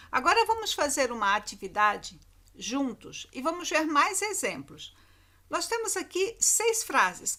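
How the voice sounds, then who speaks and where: In a recorded lesson for children, a Brazilian woman teacher repeats key words with emphatic intonation. Her voice is high and sharp, and she has a Brazilian Portuguese accent.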